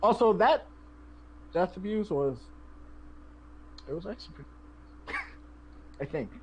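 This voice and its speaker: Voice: medium pitch, sing-song, unhurried, background noise. A host giving casual commentary over their own speedrun, chatty, often laughing and sharing tips.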